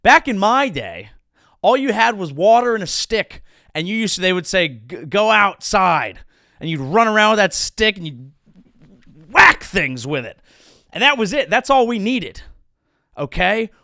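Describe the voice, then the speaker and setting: This comedian host, a man in his thirties, rants in mock outrage through a sarcastic monologue. His high voice is sing-song, unhurried and creaky, with a bright, forceful tone, recorded dry at studio quality.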